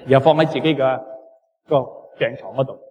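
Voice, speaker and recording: Quick preacher, man in echoey hall. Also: mid-range voice, steady tone. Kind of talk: sermon delivered in short phrases for an interpreter. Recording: echoey hall, dull muffled sound.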